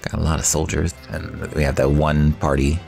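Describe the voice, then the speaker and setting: A man with a very deep, gravelly voice talks through a strategy game in a loose, thinking-aloud way. He weighs his moves and reads bits of the story out loud, with game music faint behind him. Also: little pitch movement, normal speed. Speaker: gamer playing a strategy game mod. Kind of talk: casual gameplay commentary.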